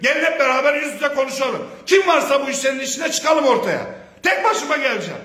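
A man giving a heated, profane, confrontational video message, sometimes breaking into shouts. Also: extremely high pitch, expressive, quick pace, echoey room. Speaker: speaker of a public video statement.

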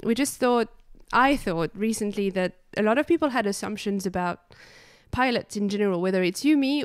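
A French woman in her thirties chats and giggles through a podcast, with frequent restarts. Her voice comes across smooth and clear. She holds a mic up close in a living room, and the sound is dry. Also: mid-range voice, no echo. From France. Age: 30s. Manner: giggly, many restarts and fillers. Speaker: podcast host, drone pilot. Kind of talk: casual podcast chat. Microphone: handheld dynamic mic.

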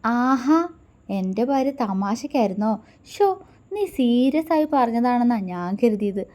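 A playful young husband with a sly, coaxing way of talking, as a woman storyteller puts him on. His voice is mellow and warm and stays close and soft as he teases, in a romantic audio story. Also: on the high side, animated, a little slow. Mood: teasing.

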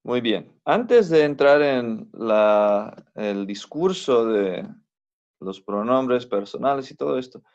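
A man teaching a recorded language lesson, slow and patient, repeating each word so it can be pronounced. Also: mid-range voice, animated, a little mellow, lo-fi sound. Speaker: biblical Hebrew teacher.

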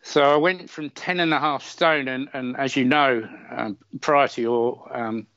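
A man's voice: medium pitch, steady tone, unhurried, fairly bright tone, no room sound, lo-fi sound. A middle-aged man telling a long personal story as a podcast guest, with plenty of fillers and wry self-deprecating asides. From England. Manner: chatty, many fillers, self-deprecating humor. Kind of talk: casual conversational storytelling.

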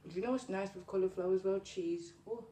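A woman's voice: medium pitch, very fast. A young Jamaican-accented woman chatting casually to viewers while eating, chewing as she talks with her mouth often full. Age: young adult. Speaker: mukbang vlogger. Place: small indoor room at a table. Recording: roomy, distant mic with faint noise.

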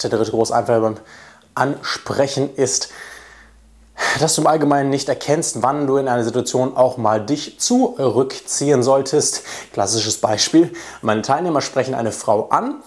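A man's voice: mid-range voice, expressive, moderate pace, a little mellow. A young man as a dating coach talking straight to the camera in a casual way, acting out quoted lines in changed voices. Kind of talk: direct-to-camera coaching talk.

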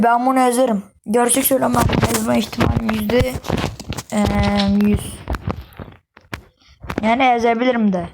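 Excitable young woman gaming commentary. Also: on the high side. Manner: excitable, swears under breath, talks to viewers. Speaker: gaming YouTuber. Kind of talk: casual game commentary. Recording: noisy home recording.

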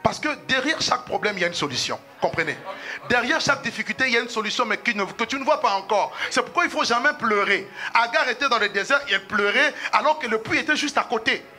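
A middle-aged male pastor preaching a sermon in a church, fervent and breaking into shouts. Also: very high-pitched, lively intonation, fast, faint music behind.

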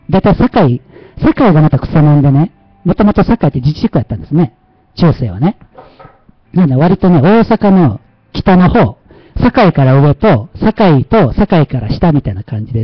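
Casting Man, Kansai accent, slightly high voice, casual livestream host, joking about himself, dry close-miked lo-fi audio. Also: very animated, moderate pace, dry recording. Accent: Kansai Japanese. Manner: chatty and self-mocking, laughing often.

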